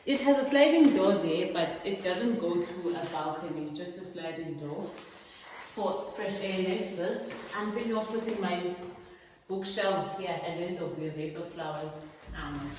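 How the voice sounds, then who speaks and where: A young woman talks in a bubbly, chatty way as she walks through bare rooms. Her voice sits a little low and rings in the empty, echoey space, which carries a long reverb tail. Steady background noise hums underneath. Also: moderate pace. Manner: chatty and bubbly, walking around while filming. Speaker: vlogger. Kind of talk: casual home tour vlog. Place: empty apartment, indoors.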